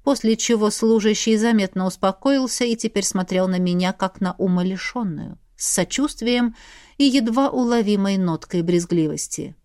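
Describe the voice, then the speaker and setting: A woman narrating a novel in the first person with steady, even storytelling. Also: mid-range voice, moderate pace. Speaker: audiobook reader.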